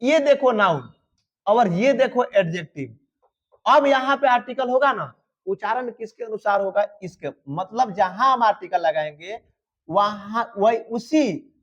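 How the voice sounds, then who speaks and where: A man teaching an exam-prep grammar lesson, lively and colloquial, often asking his students rhetorical questions. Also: high voice, highs cut off. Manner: colloquial and teasing. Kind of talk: online exam-prep lecture.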